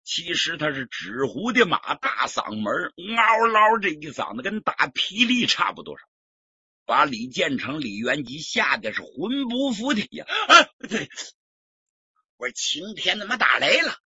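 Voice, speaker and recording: Lively storyteller man. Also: on the high side, a little slow, breathy edge, no room sound. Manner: lively, dramatic, colloquial asides to listeners. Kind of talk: traditional storytelling performance. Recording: dull lo-fi recording.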